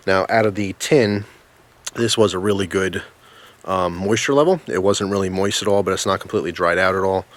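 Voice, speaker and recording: A man with a notably deep voice talks through a casual review outdoors. His delivery is informal and halting, wandering from one thought to the next as he goes. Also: fairly bright tone. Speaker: pipe tobacco reviewer. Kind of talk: casual product review vlog. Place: outdoors in the snow in winter.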